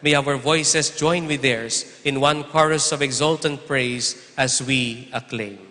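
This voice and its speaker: A priest's voice carries through a large church, each phrase hanging in a long cathedral echo. He is a man with a bright, forceful tone who keeps his delivery flat and even, intoning the prayers at a steady, measured pace. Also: medium pitch. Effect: cathedral echo, long church reverb. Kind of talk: liturgical prayer recitation. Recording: long echoey church reverb.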